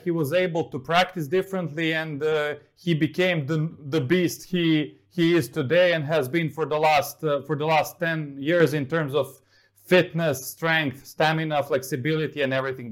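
Here a Serbian man with a fairly high-pitched voice co-hosts an easygoing talk show as a sports journalist. He speaks deliberately and analytically, often pausing on fillers.

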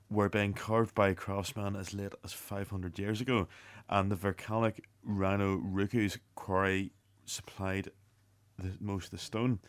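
A man with a fairly low voice presents a radio show from a script. His reading is halting, with the occasional stumble and self-correction as he narrates.

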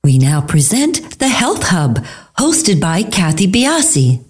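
A woman's voice: fairly low pitch, big pitch swings, slow pace, darkish tone. A woman announcer reading a scripted radio station introduction.

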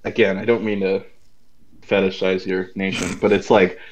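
A man's voice: sits low, flat delivery, normal speed, low-quality recording. A man co-hosting a casual podcast chat, rambling with lots of "like" and "you know" fillers. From United States.

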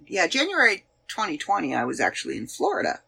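A woman's voice: on the low side, wildly swooping pitch, fast talker, gravelly, sharp tone, slightly rough. A Canadian woman in her forties with a Canadian accent, hosting a podcast and chatting casually about past episodes, rambling and searching aloud with many fillers. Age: 40s. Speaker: podcast host. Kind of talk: casual chat looking back on past episodes.

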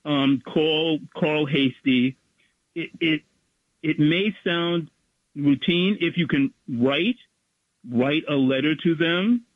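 A man's voice: fairly high pitch, takes it slowly, no room sound. A male caller on a radio show, speaking over a clipped phone line in a rambling way and urging listeners to take action. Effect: clipped, thin phone line. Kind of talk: phone-in activism.

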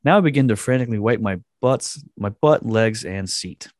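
A man's voice: on the low side, animated, moderate pace, a little mellow, no echo, studio quality. A man co-hosting a casual chat, reading a post aloud with crude jokes and frequent laughs. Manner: crude joking, laughing often. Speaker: podcast co-host.

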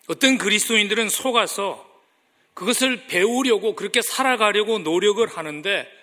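A pastor delivers a sermon in a bright, clear voice that sits a little high for a man. He speaks earnestly, lifting his voice to stress key phrases as he addresses the congregation. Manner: earnest preaching, rising emphasis on key phrases.

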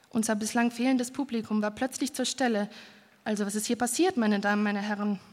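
A woman reading a first-person literary story aloud in a calm, even manner. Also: a little high. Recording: long hall reverb.

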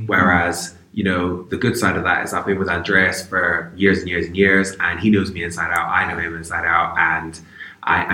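Male interview guest from Bristol, low forceful voice, casual and reflective. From Bristol, England. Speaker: basketball player, interview guest. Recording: roomy, echoey sound.

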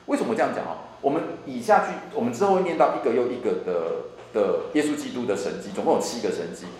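A man teaching a church Bible class, repeating and restarting phrases as he explains. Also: mid-range voice. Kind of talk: Bible study lecture. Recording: echoey room, faint hum.

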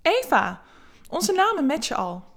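A woman's voice: sits high, sing-song, unhurried, creaky, pitched above the performer's own voice, heavily acted. Ask for a woman playing a teasing seductress. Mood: flirty. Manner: playful, teasing, soft seductive voice.

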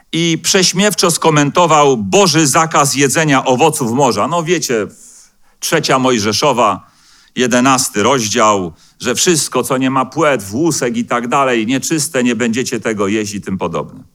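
A man preaching a sermon as pastor in a church, speaking in a measured way and slowing down to quote scripture, with the odd hesitant filler. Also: mid-range voice, a bit bright. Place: church hall.

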